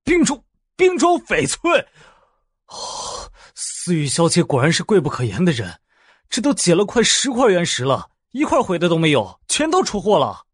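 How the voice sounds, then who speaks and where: A man voicing an excited male jade-cutting craftsman who shouts out eager exclamations. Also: high-pitched, moderate pace, slightly rough, no echo, studio quality, full character voice. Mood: flattering.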